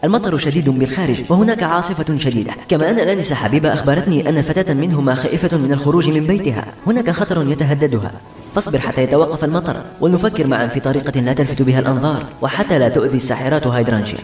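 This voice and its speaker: A man voicing a calm, protective young man who speaks steadily and reassuringly. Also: on the high side, very fast, recorded from a distance, natural voice. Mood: urgent. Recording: echoey room with music.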